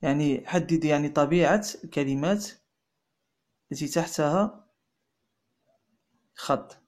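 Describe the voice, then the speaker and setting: A man's voice: a little high, brisk. Man teaching French grammar, translating. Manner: explains in French, repeats phrases, translates into Arabic. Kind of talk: bilingual grammar lesson.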